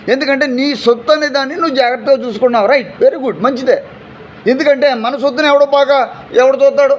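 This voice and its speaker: A male pastor with a very high voice preaching fervently at a church service. He fires rhetorical questions at the congregation and calls out hallelujah. The recording sounds dull and lo-fi, with a faint hiss underneath. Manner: acts out everyday people in short quoted asides. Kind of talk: sermon. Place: church during an afternoon service.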